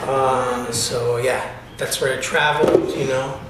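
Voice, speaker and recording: An Italian drum teacher gives casual interview answers, chatty and explanatory, packing his speech with fillers. His medium-pitched voice is slow and fairly even, captured noisily on a distant mic in an echoey room.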